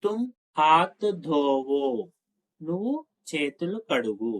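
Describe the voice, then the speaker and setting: Telugu-speaking male language teacher, slow deliberate drill delivery, slightly high voice. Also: sing-song, low-quality recording. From Telugu-speaking India. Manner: repeats phrases slowly, quick asides in between. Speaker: Hindi teacher. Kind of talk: spoken language lesson, slow drill phrases.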